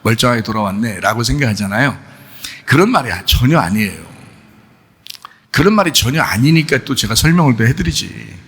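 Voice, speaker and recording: A male pastor delivers a sermon with a lively, swooping delivery, often posing questions and answering them himself. His voice is bright and gravelly with a husky edge. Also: mid-range voice, fairly quick. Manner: animated, acts out the father's joyful shouts.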